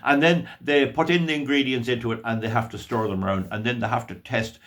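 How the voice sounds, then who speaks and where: A man's voice: medium pitch, steady tone, fast talker, fairly bright tone. A man giving casual, rambling commentary to his viewers, often stumbling over words and restarting, with folksy asides. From Ireland.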